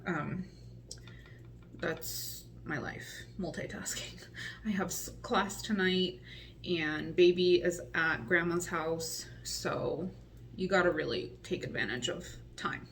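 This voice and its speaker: A woman's voice: on the low side, slow pace, fairly bright tone, distant mic, a little hiss or hum. A woman in her forties chatting casually in a pregnancy update vlog, a little out of breath and full of ums. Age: 40s. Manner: rambling with many ums, chatty and upbeat. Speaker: vlogger.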